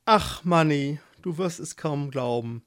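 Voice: mid-range voice, measured pace, close to an everyday voice. A narrator voicing a worried young husband in a storybook, earnestly persuading. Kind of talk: storybook reading.

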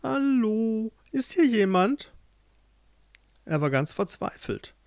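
A man's voice: fairly high pitch, big pitch swings, unhurried, darkish tone, no echo, full character voice. A man doing a desperate, earnest young suitor. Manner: anxious, pleading, earnest. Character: desperate young man searching for his love.

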